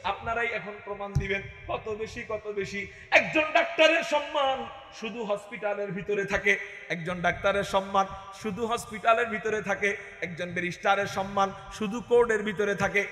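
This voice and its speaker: A male preacher delivering an impassioned sermon to a crowd at an open field gathering, rising to shouts and chanting verses. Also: high-pitched, moderate pace, echoey room, in a large hall.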